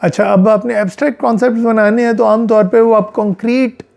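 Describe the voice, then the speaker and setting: High, mellow-voiced Pakistani Punjabi lecturer. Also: male voice, fairly even intonation, vocal fry. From central Punjab, Pakistan. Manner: measured, explains with examples, mixes in English phrases. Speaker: psychologist lecturer. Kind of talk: explanatory lecture.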